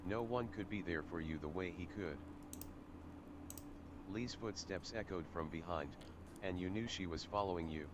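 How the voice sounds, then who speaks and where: This is a synthetic text-to-speech screen reader voice of an older man, reading a game's narration and dialogue aloud in the same mechanical way throughout. It is low, moderately paced with long pauses, and has clear background noise.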